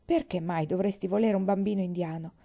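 A woman's voice: mid-range voice, steady tone, brisk, vocal fry, mellow, lo-fi sound. A woman reading aloud and voicing a pioneer mother who exclaims in puzzled disbelief. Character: startled, gentle pioneer mother.

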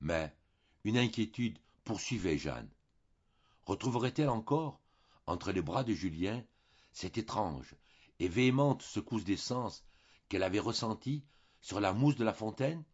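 Male audiobook reader, measured and expressive, muffled lo-fi recording. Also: on the low side, husky. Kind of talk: audiobook narration.

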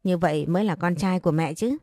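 A woman's voice: fairly low pitch, fast talker, dark tone, dry recording, clean studio sound, soft background music. A woman voicing a fretful older mother who dotes on her son, in an audio story. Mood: pleased.

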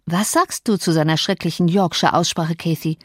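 A woman's voice: fairly low pitch, normal speed, no room sound, studio quality, lightly acted. A woman voicing a sickly, sneering teenage boy in an audiobook, with a mocking, prissy manner.

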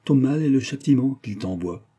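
A man's voice: medium pitch, expressive, normal speed, mellow, breathy edge, pitched above the performer's own voice. A man reading aloud and voicing a grave, pious old woman nurse who speaks in a solemn, admonishing way.

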